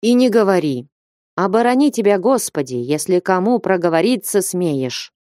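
A stern, commanding old merchant gives orders in a low, mellow voice, as a woman narrator reads him. His warnings come slow and heavy, and the dry, close recording keeps every word near. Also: lively intonation, no room sound. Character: stern older merchant man, gruff and commanding.

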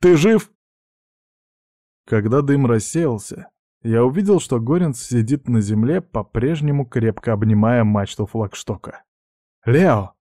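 A man narrating an audiobook in a wry, measured storytelling manner. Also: mid-range voice, mellow, no echo, studio quality. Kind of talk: audiobook reading.

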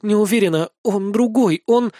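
A man reading an audiobook, voicing a calm, serious young female mage in a quiet, subdued way. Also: sits high, normal speed, no echo, studio quality, close to an everyday voice.

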